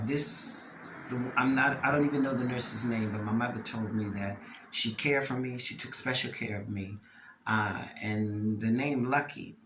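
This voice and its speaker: A man from Delaware hosting a show, giving an impassioned monologue with emphatic, preacher-like rises and repeated phrases. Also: medium pitch. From Delaware, USA. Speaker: host. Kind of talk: passionate monologue. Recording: roomy echo, faint ambient noise.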